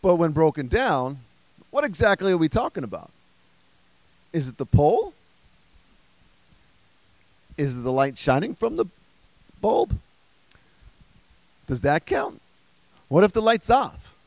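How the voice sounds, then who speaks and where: A man's voice: a little high, huge pitch swings, a little slow, long pauses, a little mellow, no echo, poor audio. Exasperated ranting male stand-up comedian. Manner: exasperated, ranting rhetorical questions.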